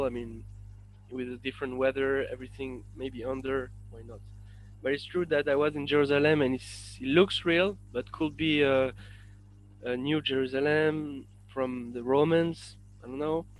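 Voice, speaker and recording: A man from France with a French accent, a guest on a podcast interview, talking in a halting way full of fillers and restarts. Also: mid-range voice, slight background noise, low-quality recording. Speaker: guest, independent researcher.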